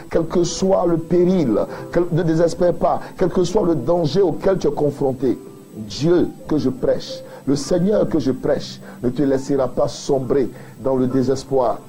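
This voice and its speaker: A pastor preaching a sermon, building emphatic repeated refrains and addressing the listener directly. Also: male voice, on the high side, warm tone, poor audio.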